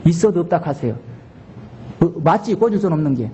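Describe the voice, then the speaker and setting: A male pastor delivering a Sunday sermon, emphatic, swinging between shouted exhortation and quiet conversational asides. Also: a little high, lively intonation, a little fast, dull audio, a little hiss or hum. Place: church sanctuary.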